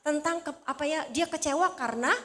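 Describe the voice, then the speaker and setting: Woman preacher, casual joking sermon, coaxing the crowd, high voice, echoing church hall. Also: brisk, fairly bright tone. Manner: chatty, teasing, coaxes the congregation to repeat after her. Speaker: evangelist preacher.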